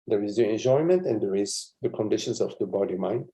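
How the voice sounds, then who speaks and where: A man's voice: on the low side, expressive, brisk, mellow. A man, a spiritual teacher, giving a meditative live satsang talk in a meandering, conversational way with frequent chuckles and asides.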